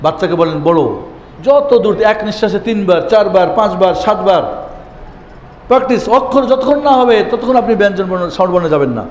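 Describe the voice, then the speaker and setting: A man's voice: high-pitched, animated, fairly quick, darkish tone, slight background noise. A man teaching Quran reading as a classroom lesson, who asks his own questions and answers them and repeats the key words. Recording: echoey hall with faint ambience.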